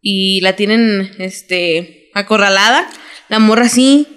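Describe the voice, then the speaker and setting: A young adult woman with a Mexican Spanish accent, recapping a TV drama in casual, slangy, animated chat as a podcast co-host. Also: medium pitch, takes it slowly. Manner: slangy, animated storytelling with quoted voices.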